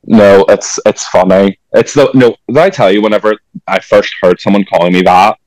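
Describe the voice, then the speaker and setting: Portuguese-accented male guest, low-pitched, animated and giggly, dry close mic. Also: normal speed, no echo, poor audio. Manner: animated, bursting into laughs and high exclaims. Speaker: podcast guest, drag performer. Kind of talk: casual chat.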